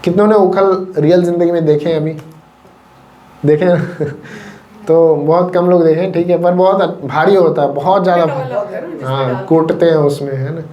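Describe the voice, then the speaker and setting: Brief: high-pitched man, animated devotional storyteller. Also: normal speed, muffled recording. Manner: lively, animated storytelling with acted quotes and laughs. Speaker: kirtan storyteller.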